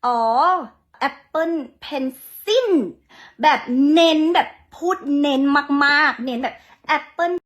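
A woman with a Lao accent telling a story in a blunt, animated, mocking way as a vlogger. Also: high-pitched, a little slow, hardly any pauses, highs cut off. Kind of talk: casual storytelling rant.

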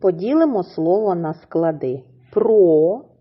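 A woman teacher with a husky voice, giving a slow, clearly enunciated reading lesson to young children and drawing out words syllable by syllable. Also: fairly low pitch, very animated, highs cut off. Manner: syllable-by-syllable drawn-out pronunciation, encouraging. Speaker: primary school teacher.

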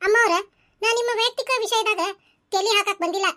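A loyal, stubborn cartoon maid. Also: female voice, very high-pitched, a little fast. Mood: firm. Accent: North Karnataka Kannada. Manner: firm, respectful, dutiful. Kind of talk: cartoon voice acting.

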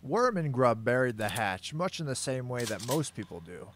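A man's voice: medium pitch, animated, normal speed, very noisy. A man giving mock-dramatic comedic narration of a game story, grandiose phrasing mixed with casual swearing.

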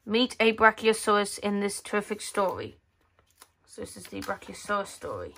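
A female host of a magazine flip-through video sits at an indoor tabletop, casually remarking on each page and reading parts aloud, with halting, rephrased sentences. Her medium pitch has a sing-song, creaky, sharp quality at a moderate pace, and a little hiss or hum is audible.

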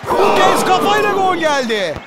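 A man voicing an excitable football commentator in a video game, with screaming, exclamatory calls. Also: very high-pitched, normal speed, raised voice. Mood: keyed-up. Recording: game music and crowd noise behind. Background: music and stadium crowd.

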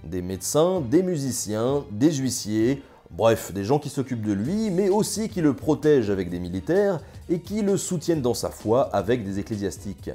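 A man's voice: medium pitch, big pitch swings, normal speed, warm tone, faint music behind. A young man narrating history in a casual scripted style, full of ironic, slangy asides. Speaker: history video host.

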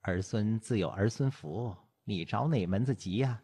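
A man's voice: on the low side, expressive, normal speed, warm tone, breathy edge. Man doing a fussing old grandmother. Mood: chiding. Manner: nagging, chiding. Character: elderly woman, chatty and doting grandmother.

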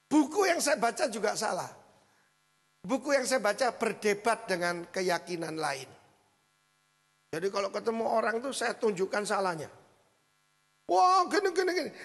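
A middle-aged male pastor preaching a sermon, telling a story with a lively manner and frequent asides to the congregation. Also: high-pitched. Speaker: senior pastor. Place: church hall. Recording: hall reverb with mains hum.

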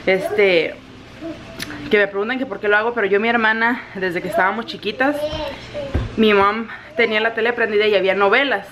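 Here a woman of medium pitch speaks fairly quickly, chatty and expressive, switching back and forth between English and Spanish. It's a relaxed vlog shot at home around the kitchen and laundry area, with plenty of noise in the recording.

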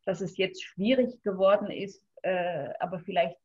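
A middle-aged woman with a husky voice takes part in a video-call discussion from a room at home. She speaks in a sceptical, matter-of-fact way and keeps restarting her sentences. The audio is dull and muffled. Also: lowish voice, steady tone, moderate pace, darkish tone. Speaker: panel participant. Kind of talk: analytical panel conversation.

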